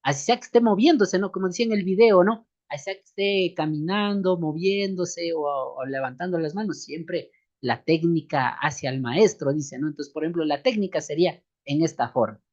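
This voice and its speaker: Teaching a church class about microphone technique, a seminary instructor speaks at a moderate pace in a mid-range, slightly mellow voice, with the recording's highs cut off. He frequently tags his phrases with questioning asides and addresses the listeners as beloved brothers and sisters.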